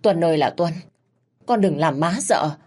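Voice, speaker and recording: A woman narrator voicing a harsh, anxious older mother who speaks loudly and wails. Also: unhurried, slightly rough. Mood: wailing. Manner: loud, shrill, wailing.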